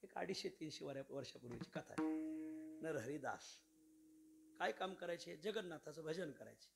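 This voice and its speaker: A man preaching a devotional story in a sermon, lively and repeatedly addressing his listeners as Maharaj. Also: a little high, moderate pace, creaky, music in the background. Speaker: kirtan preacher. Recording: musical accompaniment behind voice.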